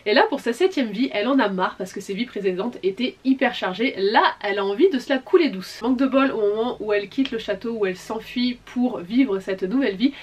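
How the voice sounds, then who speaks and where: A young adult woman chatting casually in an unboxing vlog, enthusiastic and quick to apologize. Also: fairly high pitch, a little mellow, slightly rough, distant mic. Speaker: manga vlogger.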